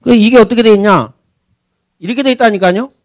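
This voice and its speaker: A man's voice: sits high, fast, no echo. A man preaching a sermon as senior pastor, talking conversationally and asking rhetorical questions.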